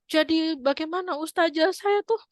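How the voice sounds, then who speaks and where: A woman voicing an upset middle-aged mother who was cheated, complaining in a whiny, high-pitched way. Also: moderate pace, dry recording, clean studio sound. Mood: exasperated.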